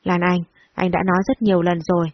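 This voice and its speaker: A woman's voice: fairly low pitch, level tone, fast, no room sound, dull audio. A woman reading the lines of a cold, stern young male company director in an audio story, in a curt, firm way.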